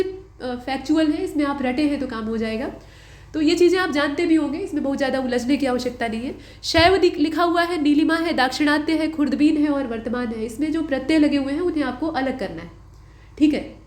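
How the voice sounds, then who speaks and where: A young adult woman teacher walking through exam answers in a patient lesson, repeating key points. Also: high-pitched. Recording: roomy echo.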